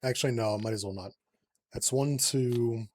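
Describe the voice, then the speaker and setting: A man's voice: mid-range voice, normal speed, a little mellow. A man casually talking himself through a solo card game, counting cards under his breath and swearing freely. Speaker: solo card game player and channel host. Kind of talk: casual tabletop card game playthrough commentary.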